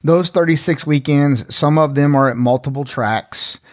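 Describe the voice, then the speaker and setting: Higher-voiced man talking it through. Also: moderate pace, no echo, studio quality. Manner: talks things through point by point, agreeable. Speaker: podcast co-host. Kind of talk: casual chat.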